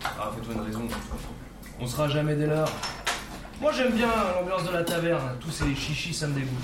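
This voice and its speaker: Actor doing an earthy mocking servant, period radio play, echoey and loud pots clanging. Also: mid-range voice, lively intonation, normal speed, noisy background, natural voice. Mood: fed up, mocking. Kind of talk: period audio fiction acting. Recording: echoey, distant, loud kitchen clatter.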